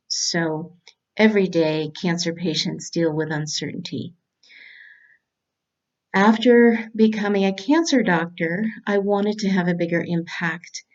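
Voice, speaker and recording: A middle-aged woman from California, a cancer doctor giving a prepared talk in a measured, earnest way. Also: on the low side, darkish tone, dull audio.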